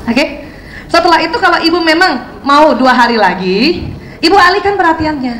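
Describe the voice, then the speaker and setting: Woman seminar speaker, high-pitched and conversational, recorded in an echoey hall with faint room noise. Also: animated, normal speed, a bit bright. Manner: chatty, keeps asking the audience questions. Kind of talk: lively seminar talk to an audience. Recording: roomy hall sound, faint ambience.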